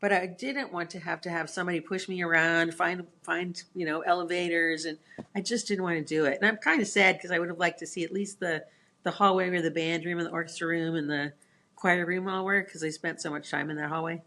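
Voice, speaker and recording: A woman in a casual chat, telling stories in an animated way and laughing at herself. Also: lowish voice, a little fast. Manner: animated storyteller, acts out quotes, laughs at herself.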